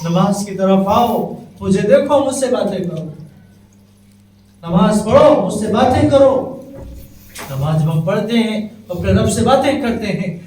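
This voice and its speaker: A man preaching an impassioned sermon, chanting Arabic verses slowly between plain exhortation. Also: high-pitched, animated, mellow. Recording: echoey, distant, faint hiss.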